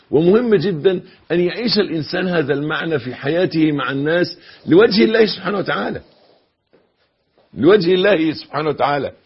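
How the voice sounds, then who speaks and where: A man's voice: a little high, breathy edge. A man with an Egyptian Arabic accent giving a religious lesson as a preacher, stressing key phrases emphatically. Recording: dull lo-fi lecture recording.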